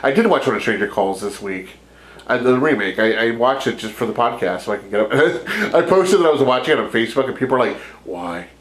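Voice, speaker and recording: A man's voice: medium pitch, expressive, quick pace, low-quality recording. A man co-hosting a podcast, retelling a film in a rambling casual chat full of fillers and jokey asides. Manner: laughs while talking, jokey impressions. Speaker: podcast co-host.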